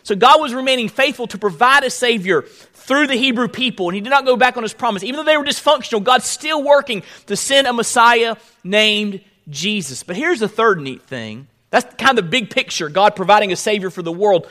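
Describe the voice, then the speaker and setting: High-pitched male preacher, bright and emphatic. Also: expressive. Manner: emphatic, deliberate delivery with repeated key phrases and rhetorical questions. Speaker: pastor preaching. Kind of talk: sermon to a congregation.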